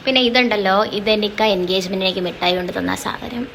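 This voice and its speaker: A young woman gives a chatty home-tour vlog, speaking at an average pitch and calling out to her viewers. The phone audio carries clear background noise. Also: fast, a bit bright, low-quality recording. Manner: chatty, keeps addressing viewers as guys. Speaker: vlogger giving a home tour. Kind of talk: casual home-tour narration.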